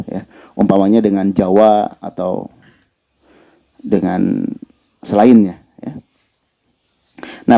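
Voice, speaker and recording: A man teaches Quran recitation in a relaxed, conversational lesson. His voice is mid-pitched, and he circles back to repeat his points. The recording is dull and lo-fi. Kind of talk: religious lesson.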